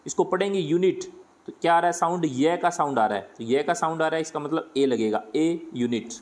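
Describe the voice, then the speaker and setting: A man's voice: a little high, lively intonation, brisk. Man teaching grammar with Hindi accent. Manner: explains step by step, asks and answers his own questions. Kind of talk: grammar lesson.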